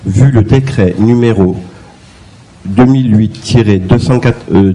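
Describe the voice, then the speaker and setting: A man's voice: fairly low pitch, warm tone, rough recording. A man on a town council reading a long string of legal references aloud at a plodding pace. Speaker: council member reporting a motion.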